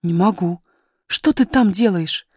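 A woman voicing a practical young miner boy who speaks in a lowered, hushed, matter-of-fact way. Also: unhurried, breathy edge, no echo, clean studio sound.

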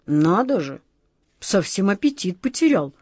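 A melancholy, lazy tomcat from a storybook, voiced by a woman. He drawls slowly and mopes. The recording is dry and close. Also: mid-range voice, very animated, darkish tone, slightly rough, dry recording. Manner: melancholy, unhurried. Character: melancholy male house cat, lazy.

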